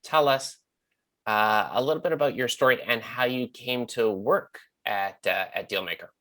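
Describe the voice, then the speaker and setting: A man's voice: medium pitch, moderate pace, sharp tone, no room sound. A man hosting a casual interview, asking questions loosely with fillers. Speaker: interview host. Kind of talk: conversational interview.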